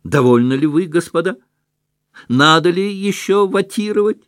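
Man doing a pompous chairman, officious, raised voice, lively, dry sound. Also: high-pitched, normal speed, no echo, voice pushed up. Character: pompous middle-aged man running a vote.

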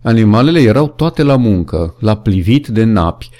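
A man's voice: on the low side, animated, darkish tone. A man reading a novel aloud as an audiobook narrator, with dramatic storytelling. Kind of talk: scripted narration.

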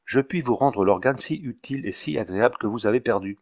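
A man's voice: mid-range voice, a little fast, lightly acted. A man voicing a fussy, long-winded male village doctor who speaks in a pompous, ceremonious way.

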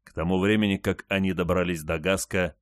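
A man reading an audiobook in an even, measured narration. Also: deep voice, no echo, clean studio sound. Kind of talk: scripted narration.

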